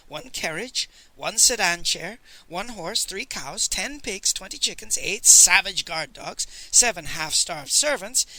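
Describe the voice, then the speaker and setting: A man's voice: high-pitched, bright, forceful tone, heavily acted, poor audio. A man as a sly gossiping fat schemer.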